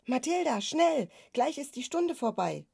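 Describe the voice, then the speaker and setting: Storybook kid: a high, urgent young boy read by a woman, a touch breathy. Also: sing-song, measured pace, darkish tone, heavily acted. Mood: eager.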